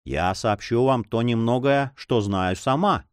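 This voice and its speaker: A man voicing an old female duenna who sighs, grumbles and fusses in a high voice. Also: unhurried, clean tone, no echo, studio quality, natural voice. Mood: grumbling. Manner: sighing, fussy, grumbling.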